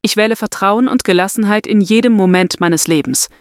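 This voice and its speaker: A woman narrating a scripted guided meditation and affirmations in a soft, soothing, deliberate manner. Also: mid-range voice, no room sound, clean studio sound.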